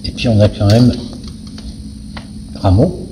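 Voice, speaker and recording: A man's voice: lowish voice, expressive, takes it slowly. A man speaking as a venue director in an interview, explaining things in a hesitant, searching way. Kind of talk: spoken interview about a cultural season. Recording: noisy, very reverberant hall.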